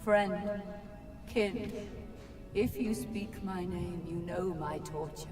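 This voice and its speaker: A woman's voice: lowish voice, takes it slowly, darkish tone, far from the mic. A woman voicing the tormented spirit of an ancient tree in a video game, with an unearthly voice and solemn, dramatic delivery. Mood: solemn, pleading. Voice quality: unearthly, echoing voice. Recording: reverberant hall effect over music.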